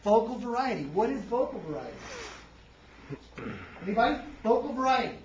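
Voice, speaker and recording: High-voiced man lecturing a workshop. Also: fairly quick, slight background noise. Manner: quizzes the audience, tags lines with "right?"; energetic, varies loudness for emphasis. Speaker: seminar presenter. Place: seminar room. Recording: echoey, distant, dull room recording.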